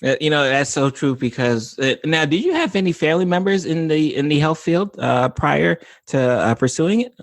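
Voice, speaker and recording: A man's voice: a little high, lively intonation, normal speed, hardly any pauses, dry recording. A man hosting a podcast interview, talking casually and rambling with many restarts and fillers. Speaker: podcast host, physician.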